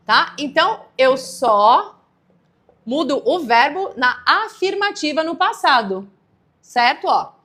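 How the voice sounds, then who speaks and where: A woman's voice: sits high, fairly bright tone. A woman from Brazil teaching English grammar in a live online lesson, explaining patiently and checking in with viewers often.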